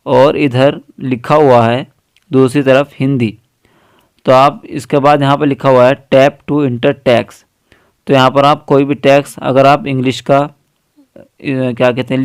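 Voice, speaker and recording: A man's voice: medium pitch, clear, resonant tone, no echo, studio quality. Patient man explaining an app step by step. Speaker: tutorial host. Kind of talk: screen-recorded app tutorial.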